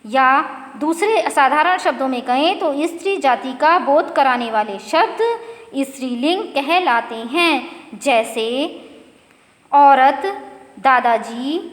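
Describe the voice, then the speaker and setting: Woman teacher, high voice, careful drilling delivery, echoey room with long reverb. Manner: slow, careful word-by-word pronunciation drill. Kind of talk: Hindi grammar lesson for children.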